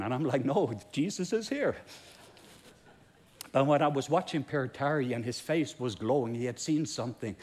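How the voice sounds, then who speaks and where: A Norwegian pastor with a husky, darkish, mid-range voice gives a testimony during a sermon in English, his second language. He builds emphatically through repetition.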